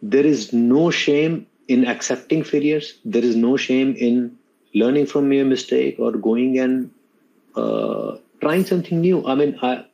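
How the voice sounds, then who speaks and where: A man's voice: mid-range voice, a little slow, gravelly, dark tone, muffled recording. A middle-aged man with an Indian accent giving earnest, unscripted advice as an interview guest, often repeating words for emphasis. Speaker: podcast guest, mentor to students.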